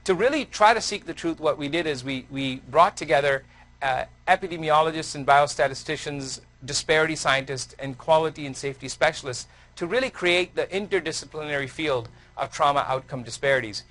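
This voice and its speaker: A man's voice: fairly high pitch, fairly quick, a bit bright. A middle-aged male surgeon giving an academic lecture, telling personal stories in a conversational way with frequent restarts.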